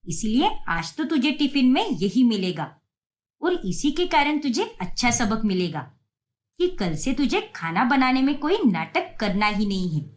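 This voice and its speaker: A woman voicing a strict, sarcastic middle-aged mother in an animated story. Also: on the high side, measured pace. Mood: scolding. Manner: nagging, sarcastic.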